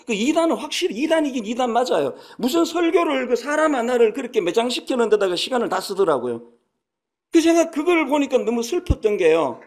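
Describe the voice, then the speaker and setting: High-pitched, lively older male pastor. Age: 60s. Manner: conversational storytelling preaching, acting out quotes. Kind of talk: sermon. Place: church sanctuary.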